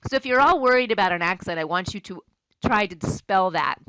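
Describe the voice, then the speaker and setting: A woman's voice: medium pitch, lively intonation, fairly quick, a bit bright, clean tone, no echo, rough recording. A woman college instructor giving a recorded lecture in a conversational, explanatory way.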